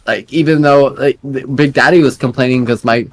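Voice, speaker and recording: A man's voice: mid-range voice, fairly even intonation, fairly quick. Rambling twenty-something man on voice chat. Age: 20s. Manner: rambling, many fillers and restarts. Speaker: guild leader. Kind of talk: casual voice chat.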